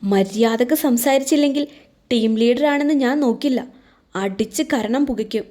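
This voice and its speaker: Woman doing a young office girl, quiet n tight, fed up, slightly high pitched. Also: moderate pace, natural voice. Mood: defiant. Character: hurt young woman office worker turned defiant.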